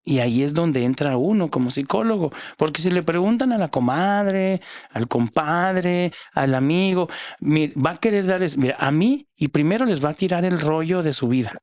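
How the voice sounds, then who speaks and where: A man's voice: fairly high pitch, lively intonation, moderate pace, few pauses, darkish tone, no echo. A man with a Mexican accent, a psychologist guest explaining things in a casual podcast chat with frequent restarts.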